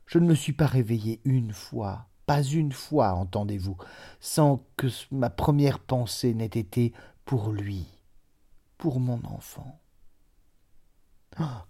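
A man's voice: medium pitch, dark tone. A man voicing a grieving, guilt-ridden aging mother in a storybook reading, anguished and breaking into whispers.

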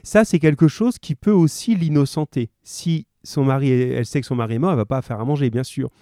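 A man's voice: medium pitch, fairly quick, no echo, clean studio sound. A male teacher running a live radio class, encouraging students who call in and reading a story aloud. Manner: lively, encouraging, full of fillers.

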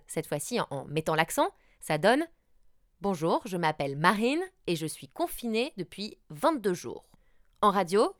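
Young woman doing a peppy radio how-to, voice all over the place in pitch, dead dry mic. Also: dry recording. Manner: lively, addresses the listener directly, models intonation. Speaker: radio journalist teaching a tutorial. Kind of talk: upbeat scripted tutorial narration.

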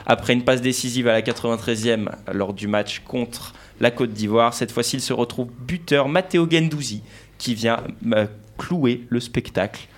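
Guy hosting sports radio, upbeat, normal pitch, reading scores. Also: moderate pace. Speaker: radio show host. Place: radio studio.

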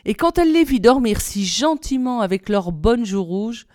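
A woman reading a fairy tale aloud in a measured, expressive storybook style. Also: fairly high pitch, no echo, studio quality. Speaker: reader.

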